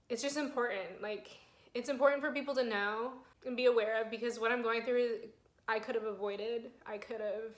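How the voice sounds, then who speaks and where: A woman's voice: on the high side, a bit bright. Flustered young woman vlogging, echoey room. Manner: flustered, fighting back tears, filler-heavy. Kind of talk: personal health vlog. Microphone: phone camera mic.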